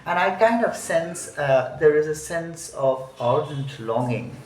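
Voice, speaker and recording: A man's voice: on the high side, animated, a little slow, darkish tone, a little hiss or hum. A man teaching a song, explaining each phrase, thinking aloud and correcting himself. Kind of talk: music lesson walkthrough. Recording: roomy echo.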